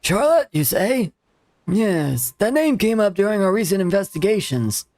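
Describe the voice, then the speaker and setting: A man voicing a grumpy old man from a video game in a measured old-timer delivery. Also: high voice, sing-song, darkish tone, no room sound, clean studio sound, voice pushed up. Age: older. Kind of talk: reading game dialogue aloud.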